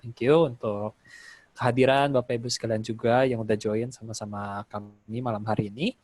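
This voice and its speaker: A man's voice: mid-range voice, fairly even intonation, fairly quick, a little mellow. Man closing a webinar with announcements. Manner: upbeat, hesitant fillers. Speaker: webinar host.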